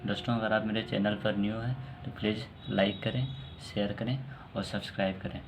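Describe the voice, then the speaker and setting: A man teaching English pronunciation in a calm online lesson, explaining rules and spelling out example words slowly. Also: lowish voice, noisy background.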